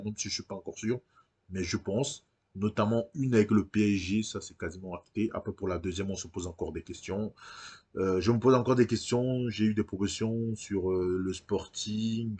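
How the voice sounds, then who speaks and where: A man's voice: fairly low pitch, a little mellow, breathy edge. A man hosting his gaming channel, chatting casually over a football management game and thinking aloud with frequent hesitations.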